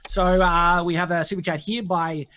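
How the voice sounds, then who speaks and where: A man's voice: sits high, fairly even intonation, normal speed, pushed and bright, a little hiss or hum. A man hosting a casual live stream with a guest, reading viewers' super chats aloud and laughing often.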